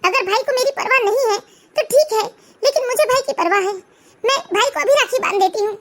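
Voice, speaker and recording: A woman voicing a gentle, hurt young married sister in a cartoon family drama. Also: very high-pitched, brisk, voice pushed up. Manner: soft, reproachful.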